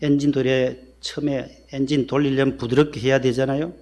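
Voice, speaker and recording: A man's voice: medium pitch, flat delivery, brisk. A male pastor telling light jokes to his congregation before the sermon. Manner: joking warm-up before the sermon.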